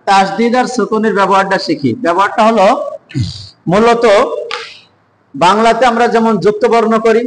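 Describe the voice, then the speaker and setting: A man with a high-pitched voice leads a Quran reading class. He asks the students questions and drills letter sounds in slow chants. Faint background noise sits under the recording. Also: long reverb tail, poor audio. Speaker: Quran teacher.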